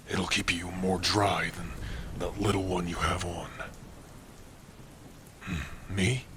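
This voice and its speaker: A man performs a heavily acted ASMR roleplay addressed to the listener, voicing a gruff but tender young male orc who is shyly smitten, deep and slow in tone. The orc sounds caring and casual, soft-spoken and hesitant, with pauses and hums, over slight background noise.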